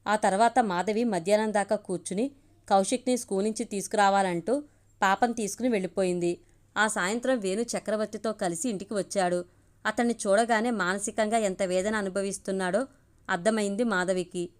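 A woman's voice: medium pitch, steady tone, a little fast. Woman narrating an audio story.

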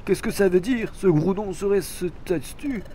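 A man's voice: sits high, normal speed, warm tone, a little hiss or hum, natural voice. A man reading as a curious young explorer creature. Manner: wondering, hesitant reading with "euh". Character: curious male Pokémon partner, eager explorer. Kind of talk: dramatic reading of game dialogue.

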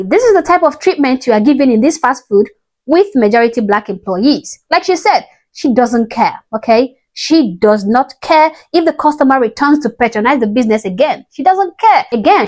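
A young woman vlogger delivers emphatic, preachy opinion commentary to camera from her bedroom, recorded on a lapel mic. Her high voice is expressive with a darkish tone at normal speed, and she keeps tagging her points with "okay?"

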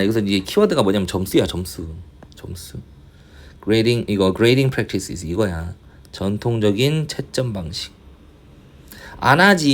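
Male tutor, casual online lecture, blunt and informal, lively pitch, mutters while solving questions. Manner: blunt and informal, mutters mild swears, thinks aloud and reads English slowly. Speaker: English tutor.

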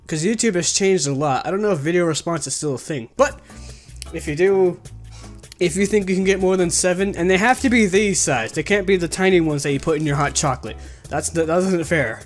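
A man's voice: sits high, brisk, faint music behind. A young man chatting casually to camera as a vlogger, into a desktop mic in a small room. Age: young adult. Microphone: desktop condenser mic, close.

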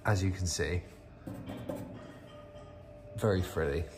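Speaking slowly in a low voice over music, a British man offers relaxed, improvised walk-around commentary inside a car workshop. He's a vlogger whose channel covers rotten old cars.

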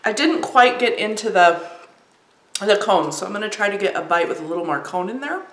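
A woman's voice: mid-range voice, lively intonation, fairly quick. A woman chatting casually while reviewing and tasting snacks, with lots of ums. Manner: chatty, warm, frequent ums. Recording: roomy echo.

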